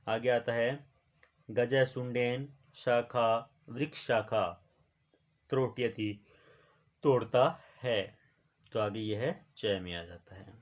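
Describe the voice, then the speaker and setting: Low-voiced man teaching Sanskrit. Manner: reads Sanskrit lines, then explains each in Hindi. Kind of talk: classroom lesson explaining a Sanskrit exercise.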